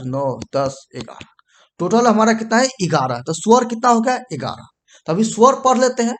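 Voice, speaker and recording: A male teacher giving a whiteboard grammar lesson, repeating himself, checking in often and stopping to fix what he wrote. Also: high voice. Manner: repetitive, checks in with "ठीक है"; pauses to correct and erase the board.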